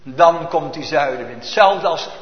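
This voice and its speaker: A man preaching a sermon to his congregation, shifting from hushed to emphatic and full of rhetorical questions. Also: a little high, lively intonation, unhurried. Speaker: pastor. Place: church. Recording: echoey church, lo-fi reverberant recording.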